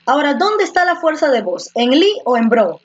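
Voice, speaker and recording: Her voice sits high with big swings in pitch, at a normal speed. She's a teacher giving an online class via a computer microphone, patiently repeating vocabulary and quizzing students. The audio is lo-fi and a bit muffled.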